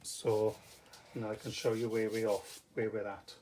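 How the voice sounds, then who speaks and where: A man's voice: on the low side, little pitch movement, unhurried, darkish tone, low-quality recording. A man with a Welsh accent giving a casual, informal craft tutorial, explaining step by step. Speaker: craft demonstrator. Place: indoor craft table. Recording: noticeable background noise with clicks.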